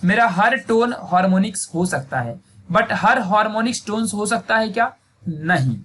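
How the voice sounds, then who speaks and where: Teaching physics in a Hindi video lesson, a young man talks in a chatty way and frequently asks "samajh gaya?" to confirm students keep up. His high-pitched, fairly bright voice is expressive and moderately paced, and faint background noise can be heard.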